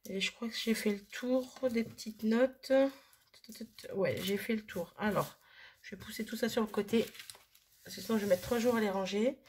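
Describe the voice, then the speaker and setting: A woman's voice: mid-range voice, steady tone, moderate pace, a little mellow, slight background noise. A woman casually thinking aloud as she works on a craft project, chatting and muttering to herself at her worktable. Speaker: crafting vlogger.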